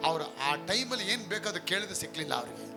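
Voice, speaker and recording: A man's voice: high voice, lively intonation, fast talker, over loud music. A male pastor preaching a live sermon, emphatic, often asking the congregation questions.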